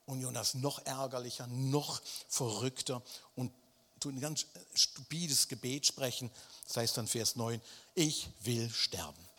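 A man's voice: mid-range voice, steady tone, a little slow, bright, forceful tone. A man preaching a sermon, speaking emphatically and turning often to address his listeners directly. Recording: long hall reverb.

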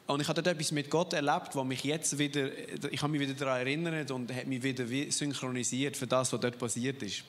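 A man preaching a sermon, telling a story in a lively, playful way with asides to the congregation. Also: mid-range voice. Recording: long hall reverb, faint music behind.

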